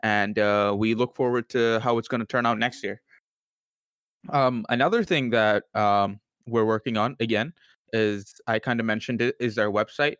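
A man's voice: lowish voice, normal speed, fairly bright tone, smooth, dry recording, studio quality. A nineteen-year-old man co-hosting a casual podcast, hesitant with many fillers and restarts. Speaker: podcast co-host. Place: student university, Canada.

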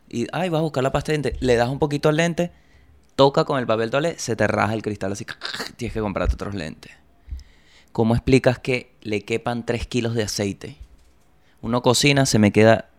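A young Venezuelan man with a Venezuelan accent, hosting a comedy podcast and telling jokey stories in an animated way. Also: medium pitch. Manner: joking, animated storytelling with voices. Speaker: podcast host. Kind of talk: comedic monologue.

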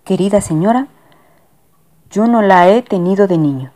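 A grumbling, hypochondriac gentleman on a train, forever indignant and complaining. A woman puts him on with a lively, animated delivery. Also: mid-range voice, moderate pace, lightly acted. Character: grumpy hypochondriac businessman, older male.

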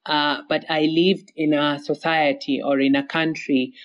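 A woman's voice: sits low, little pitch movement, measured pace, dull audio. A woman from Somalia telling her story as an interview guest, earnest, with many fillers and repeated words.

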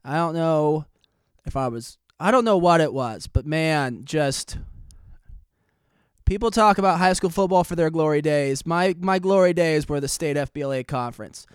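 Rambling twenty-something podcast host, smooth voice. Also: male voice, a little high, moderate pace, no echo, clean studio sound. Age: 20s. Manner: rambling, self-deprecating, jokey. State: slightly out of breath. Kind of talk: casual podcast storytelling.

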